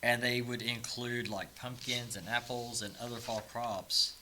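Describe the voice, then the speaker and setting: Man podcast co-host, laid-back, joking, very slow delivery, bright tone. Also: mid-range voice, little pitch movement, slight background noise, low-quality recording. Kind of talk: casual chat.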